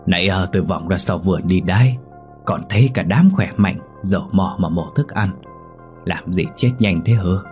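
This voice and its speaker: A man's voice: low voice, moderate pace, darkish tone, faint music behind, close to an everyday voice. A man voicing a blunt, skeptical old village man who questions others.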